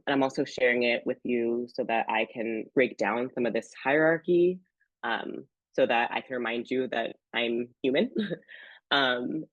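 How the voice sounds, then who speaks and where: A woman's voice: extremely low pitch, no room sound. A woman psychologist with a slight cold, giving an earnest online workshop talk with many ums. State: sick, getting over a cold. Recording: dry, dull lo-fi sound.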